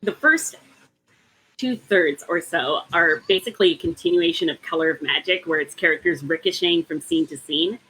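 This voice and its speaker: A woman's voice: lowish voice, sharp tone, slight background noise, rough recording. A woman on a casual book discussion podcast, making a long, careful argument with frequent ums and restarts. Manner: analytical, argues at length with many ums. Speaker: podcast co-host.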